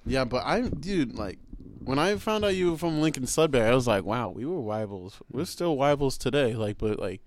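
A young American man chats casually as a podcast guest, laid-back and leaning heavily on fillers like "like" and "you know." His medium-pitched voice is animated and moderately paced, and the recording is dry.

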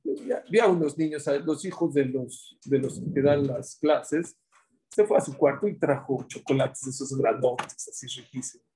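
A man giving a religious class, preaching in an animated way and acting out the quotes in his stories. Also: mid-range voice, moderate pace, a little hiss or hum. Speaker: religious teacher.

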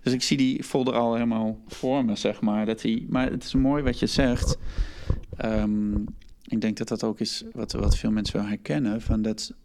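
A man interviewing a guest, listening closely and answering in short affirmations with halting phrasing. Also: fairly low pitch, fairly even intonation, darkish tone, a little hiss or hum. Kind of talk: conversational interview.

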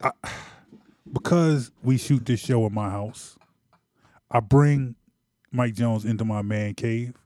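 A man's voice: medium pitch, slow pace, long pauses, a little mellow, no room sound. A man hosting a casual sports podcast from his home man cave, playful and rambling, repeating words, a little tipsy. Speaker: podcast host.

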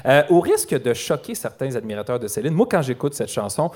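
Homme québécois, animateur blagueur et expressif. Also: male voice, mid-range voice, sing-song, a little fast, a little mellow. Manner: playful, joking wordplay, frequent laughs. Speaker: podcast host. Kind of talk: live comedy podcast commentary. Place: live show in a concert hall.

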